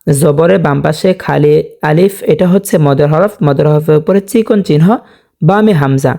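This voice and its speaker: A man teaching Quran reading, spelling words out letter by letter and drawing out recited verses slowly, asking and answering his own questions for viewers. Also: on the high side, vocal fry, dark tone. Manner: slow drawn-out recitation of verses between explanations.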